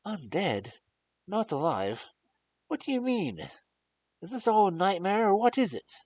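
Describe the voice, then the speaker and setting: A reader voicing a passionate young nobleman in an audiobook, loud and outraged. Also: medium pitch, very animated, unhurried, no echo, voice pushed up. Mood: bewildered. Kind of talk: audiobook character reading.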